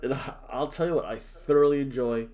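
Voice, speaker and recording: Brisk and warm, this mid-range male voice belongs to a podcast co-host from New Jersey who's drinking as he rambles and jokes. Allergies leave him nasal and sniffly throughout the casual conversation.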